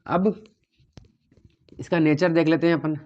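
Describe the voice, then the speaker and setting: A man's voice: fairly high pitch, fairly even intonation, slow, gravelly, darkish tone, dull audio. A man teaching a physics lesson at a whiteboard, explaining step by step, asking and answering his own questions and checking in often with his students. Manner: repeats "theek hai" to check students follow.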